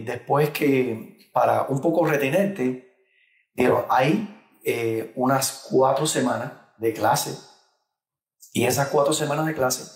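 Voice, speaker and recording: A middle-aged man with a Cuban accent tells his story in a relaxed interview. He hesitates often and restarts his phrases. The office around him adds a noticeable echo. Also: medium pitch. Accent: Cuban Spanish. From Cuba. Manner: hesitant, with many fillers and restarts. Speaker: guest, insurance trainer. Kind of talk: interview conversation.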